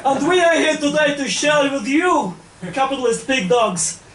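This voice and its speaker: A man's voice: very high voice, animated, moderate pace. A man putting on a boastful Soviet comedian with a fake Russian accent, performing live. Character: pompous Soviet male comic, boastful. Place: small comedy club stage. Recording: roomy club, far from mic, crowd noise.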